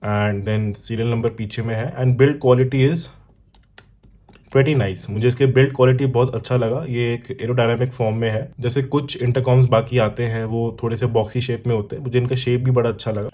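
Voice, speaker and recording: Warm and steady, this man's medium-pitched voice flows at a normal speed with an Indian accent. A motorcycle vlogger and product reviewer, he gives a casual unboxing talk that mixes Hindi and English, explaining with examples and checking in as he speaks directly to viewers.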